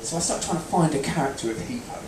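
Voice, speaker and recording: A man's voice: a little high, expressive, fast, noisy background. A young man doing live stand-up storytelling, chatting and bantering with the audience. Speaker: stand-up comedian. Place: comedy venue in front of an audience. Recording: roomy live venue, distant mic.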